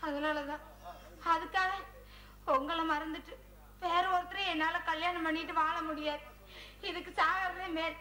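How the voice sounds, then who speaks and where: A woman's voice: very high voice, steady tone, moderate pace, pauses often, pushed and bright. A woman playing a young woman torn between her father and her lover on a village stage. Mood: tearful. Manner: emotional, pleading. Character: tearful devoted young woman in love. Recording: echoey open-air stage with music.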